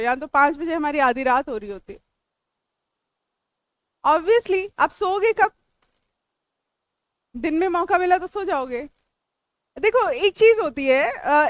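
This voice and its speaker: A woman's voice: very high-pitched, a bit bright, no room sound. A woman with an Indian accent, teaching English grammar to a classroom, explaining step by step and quizzing her students. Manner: chatty and joking with students. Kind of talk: classroom lecture.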